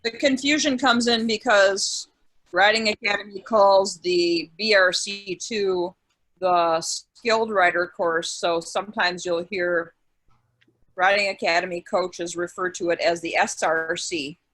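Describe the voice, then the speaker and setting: A woman's voice: lowish voice, steady tone, a little slow, a bit bright, no echo. A woman on a video call explaining a point in a matter-of-fact way. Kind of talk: casual chat.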